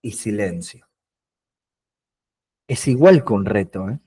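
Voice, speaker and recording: A man's voice: lowish voice, takes it slowly, breathy edge. Rioplatense man teaching an online coaching class. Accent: Rioplatense Spanish. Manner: animated, acts out short dialogues in his examples; repeats words while searching for them. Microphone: video call.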